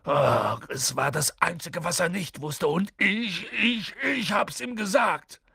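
A man's voice: sits high, slow, vocal fry, husky, no room sound, clean studio sound, pitched above the performer's own voice, exaggerated voice. A man voicing a huge tearful half-giant. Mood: sobbing remorse. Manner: sobbing, remorseful, then gentle and mumbled. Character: huge tearful half-giant groundskeeper, gruff and soft-hearted. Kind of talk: audiobook character voice.

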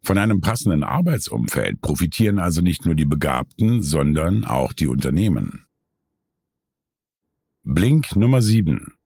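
Male narrator, husky voice, dry close sound, calm scripted reading. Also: very deep voice, brisk, no echo. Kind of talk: scripted narration of a nonfiction summary.

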